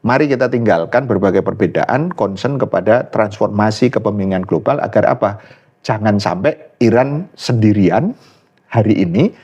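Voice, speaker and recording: A man's voice: fairly low pitch, animated, a little mellow, breathy edge, highs cut off. Earnest man with lots of fillers. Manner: earnest, many fillers and restarts, pauses to find words. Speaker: guest speaker, Islamic scholar. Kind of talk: interview, political commentary.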